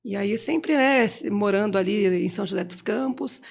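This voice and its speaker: A woman's voice: mid-range voice, moderate pace, gravelly. A Brazilian woman in her forties, a guest on an interview show, talking casually and rambling with many fillers.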